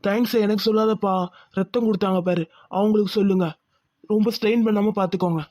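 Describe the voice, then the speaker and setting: A mid-pitched, firm cartoon voice for a hospital doctor, done by a voice actor. He explains things calmly and lectures the family. The sound is dry and close. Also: quick pace, no echo, lightly acted. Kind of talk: Tamil cartoon voice acting.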